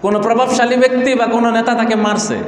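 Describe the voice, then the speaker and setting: A man giving a sermon, asking rhetorical questions and answering them in a lower voice. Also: steady tone, rapid-fire. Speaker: mufti preacher. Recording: echoey hall with faint background noise.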